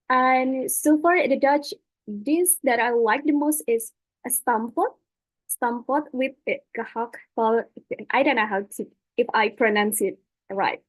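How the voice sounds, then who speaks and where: A young Indonesian woman gives a webinar presentation over slides, sounding hesitant and full of fillers and restarts. Her voice is on the high side, and the low-quality recording has no echo.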